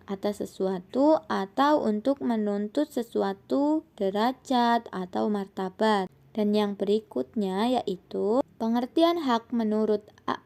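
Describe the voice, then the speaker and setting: A young woman, a university student, presenting a scripted lesson in a steady reading voice that rises on her points. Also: a little high, gravelly. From Indonesia. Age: young adult.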